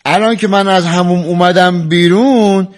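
An actor playing an easygoing husband who jokes and defends himself in a radio drama. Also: male voice, high voice, close to an everyday voice. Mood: teasing. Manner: relaxed, joking, mildly defensive. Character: easygoing husband, teasing then agreeable.

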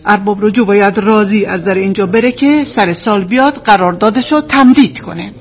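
A woman's voice: medium pitch, close to an everyday voice. A woman plays a strict female office manager in a TV drama, speaking sternly and reprimanding. Her tone is firm and cool throughout.

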